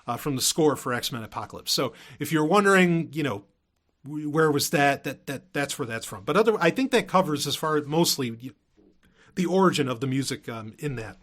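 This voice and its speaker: In a fairly bright, animated voice on the higher side, a man hosts a podcast at a slightly fast clip. The talk is loose and unscripted, full of self-interruptions and hedging side comments.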